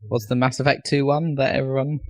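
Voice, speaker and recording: A man co-hosting a gaming podcast, trading wry, quick banter. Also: medium pitch, little pitch movement, dry recording. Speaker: podcast co-host. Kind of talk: casual chat about video games.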